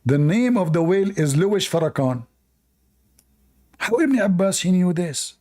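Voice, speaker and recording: Male debate host, scornful and combative, non-native English, higher-pitched with a soft, dark tone. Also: big pitch swings, moderate pace. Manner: mocking, combative, laughs at opponents. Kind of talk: live debate commentary.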